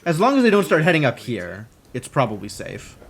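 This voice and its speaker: A man with a slightly high, lively voice gives casual gameplay commentary. He thinks aloud as he plays, with some noise behind him. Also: fairly quick. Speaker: gamer playing and commentating. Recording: clear background noise.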